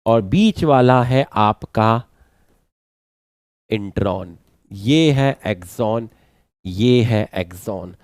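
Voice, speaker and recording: A man teaching biology, slowly dictating and repeating phrases for students to write down, mixing terms into his talk. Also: on the low side, animated, a little mellow, dry recording. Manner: repeats phrases slowly for note-taking, mixes English terms. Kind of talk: lecture, dictating notes.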